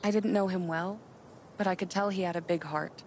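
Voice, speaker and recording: A woman acting a sympathetic townswoman in a video game, speaking gently and consolingly like a grief counselor. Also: fairly low pitch, steady tone, fairly quick, a little hiss or hum, lightly acted. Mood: gentle sympathy. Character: sympathetic townswoman offering condolences to a bereaved sister.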